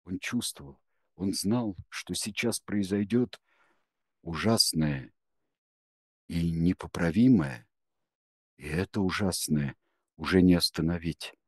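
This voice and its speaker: A man narrating a novel in a low voice, reading with tense drama. The recording is dry and close, with no room around him. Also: takes it slowly, pauses often, husky, no echo. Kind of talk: audiobook narration.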